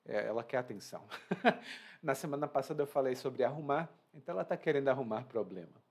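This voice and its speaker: At home, a Portuguese teacher with a Brazilian accent explains a reading to his learners in a mid-range voice at a fairly quick pace. He's lively and acts out the quoted phrases.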